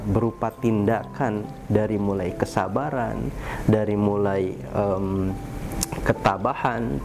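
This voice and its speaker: Calm, gentle man preaching. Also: lowish voice, slight background noise. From Indonesia. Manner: calm, unhurried, gentle sermon delivery with soft fillers. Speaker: preacher and founder. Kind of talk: short morning sermon. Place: small indoor office studio with poster wall. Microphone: seated at desk, camera at medium distance.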